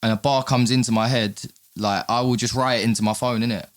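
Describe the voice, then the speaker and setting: A man's voice: medium pitch, steady tone, a little fast. A man with an urban London roadman accent and slang, talking candidly and casually as a podcast guest, often repeating his words. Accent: London, urban street. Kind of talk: casual chat.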